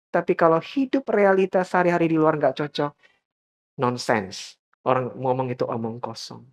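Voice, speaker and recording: Lively man preaching a sermon. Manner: lively, rising to high emphatic peaks, addressing the congregation often. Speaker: pastor.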